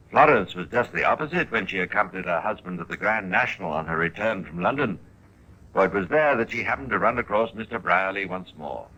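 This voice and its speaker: A man narrating a 1950s radio crime drama in measured, storytelling tones. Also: fairly low pitch, pushed and bright, rough recording.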